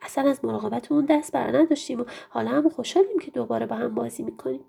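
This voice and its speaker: A woman's voice: a little high, creaky, mellow, breathy edge, full character voice. A woman voicing an earnest, loyal young child in a storybook reading.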